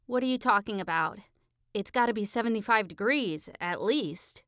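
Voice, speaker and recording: A man voicing a wary sixteen-year-old girl caught in danger, in an audiobook, with a high, anxious, drawn-out delivery. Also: sharp tone. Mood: puzzled.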